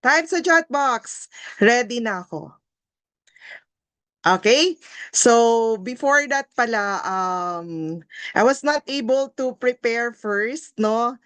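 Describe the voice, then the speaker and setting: A woman's voice: on the high side, lively intonation, slow, fairly bright tone, clean tone, no echo. Filipino woman coaching an online class. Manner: encouraging, mixes Filipino and English, frequent tag questions. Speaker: exam review coach.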